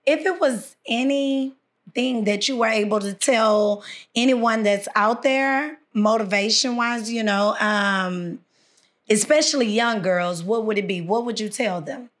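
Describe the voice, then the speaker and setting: A woman's voice: fairly high pitch, unhurried. A woman co-hosting a casual podcast interview, upbeat and encouraging with her guest. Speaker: podcast co-host. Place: small studio room, seated.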